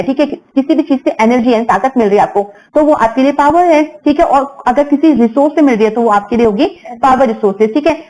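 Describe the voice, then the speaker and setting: A young woman teaching an exam-focused lesson in a fairly high, mellow voice. She explains patiently step by step, mixing English terms into her Hindi and checking in with her students again and again. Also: low-quality recording. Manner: explanatory, mixes English terms into Hindi, frequent "theek hai" check-ins.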